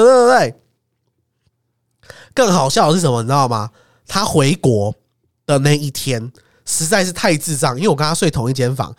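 Animated storyteller. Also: medium pitch, no echo, clean studio sound. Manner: animated, laughs often, swears casually. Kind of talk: casual storytelling chat.

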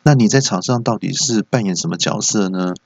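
Gravelly man telling deadpan comic stories. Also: on the low side, no echo. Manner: deadpan, with stammered comic pauses. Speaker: comedy podcast host. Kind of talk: comic storytelling monologue. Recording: dull lo-fi recording.

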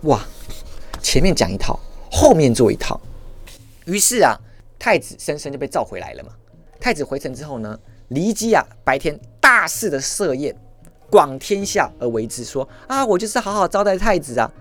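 A woman's voice: deep voice, normal speed, faint music behind. A woman podcast host, telling a history story in a chatty, exclamatory way. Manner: animated, exclamatory, chatty asides.

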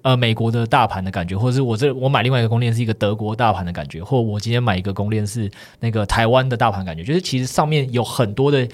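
A man with a Taiwanese Mandarin accent hosting a podcast, explaining in a brisk, teacherly way. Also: medium pitch, darkish tone. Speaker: podcast host. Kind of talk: casual explanatory chat.

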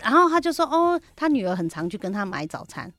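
A woman's voice: medium pitch, fast talker, music in the background. A woman on a radio talk show, recounting an anecdote in casual chat and acting out the people she quotes. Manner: animated storyteller, acts out quoted dialogue. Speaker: real estate agent guest. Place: radio studio.

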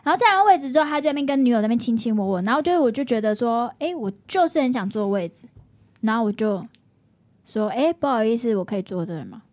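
A woman's voice: a little high, animated, fast talker, a little mellow. A woman with a Taiwanese Mandarin accent, co-hosting a podcast in casual chat, feisty and eager to argue. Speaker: podcast co-host.

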